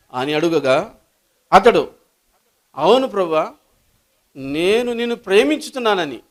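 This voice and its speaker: High-voiced preaching pastor, rising to shouts. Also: male voice. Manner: preaching with rising shouted refrains, calling the congregation to give praise. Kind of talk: sermon.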